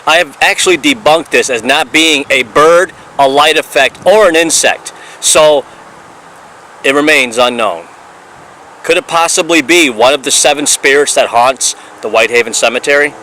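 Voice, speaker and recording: Earnest bright-voiced male paranormal investigator. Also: fairly high pitch, moderate pace, a little hiss or hum, rough recording. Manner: earnest, explanatory, builds up each finding. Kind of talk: narrated investigation voice-over.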